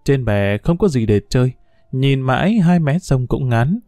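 Dry, steady male narrator. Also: mid-range voice, a little slow, no echo. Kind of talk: storybook narration.

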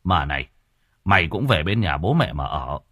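A man's voice: low-pitched, big pitch swings, moderate pace, bright, forceful tone, dry recording, clean studio sound, pitched below the performer's own voice, full character voice. A man playing a short-tempered older father who scolds bluntly. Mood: gruff.

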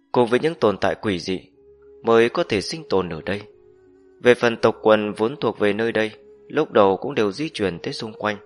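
A man narrating a fantasy novel in a steady, measured storytelling voice. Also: lowish voice. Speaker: audiobook narrator.

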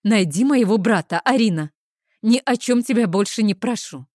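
Woman doing Ayla, pushy excitable girlfriend. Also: medium pitch, normal speed, no room sound, clean studio sound, voice pushed up, lightly acted. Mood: bossy. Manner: loud, insistent, demanding. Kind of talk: audiobook character voice.

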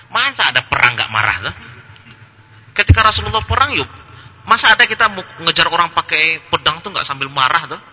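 A man preaching in a lively religious lecture, answering questions with a humorous, colloquial manner and acting out anecdotes. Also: medium pitch, husky. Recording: long hall reverb.

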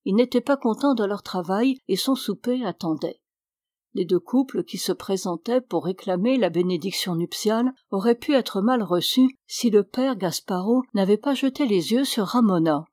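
A woman reading a novel aloud as audiobook narration, in a measured, even manner. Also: medium pitch, no echo, studio quality. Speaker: audiobook reader. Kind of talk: scripted narration.

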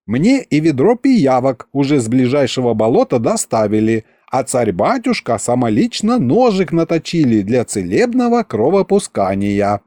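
A man's voice: mid-range voice, very animated, normal speed, hardly any pauses, dark tone, dry recording, studio quality, close to an everyday voice. A man voicing a strict, fussy young woman healer who scolds. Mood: scolding. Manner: scolding, prim.

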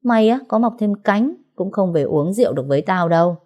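A woman voicing a brash, heartbroken young woman who speaks loudly and bluntly in speech, as an audiobook character. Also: fairly low pitch, animated, normal speed. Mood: emotional. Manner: loud, blunt, emotional.

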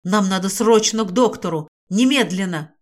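A woman's voice: on the high side, animated, unhurried. A woman voicing an anxious, protective male serpent-man in an audiobook, urgent and pleading. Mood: urgent worried. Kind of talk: audiobook character voice.

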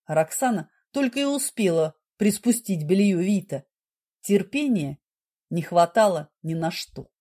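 Woman audiobook narrator, slow measured reading, dark mellow tone, husky. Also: on the low side, animated. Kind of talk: scripted narration.

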